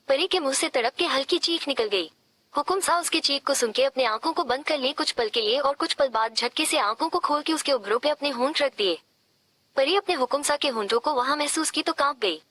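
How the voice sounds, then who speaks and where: High-voiced woman audiobook narrator. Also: fairly bright tone. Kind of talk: scripted narration of a romance novel.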